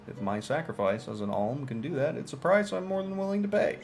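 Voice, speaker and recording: A man voicing an earnest male catfolk warrior in a put-on rural country drawl, reading the lines slowly and solemnly. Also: fairly high pitch, very animated.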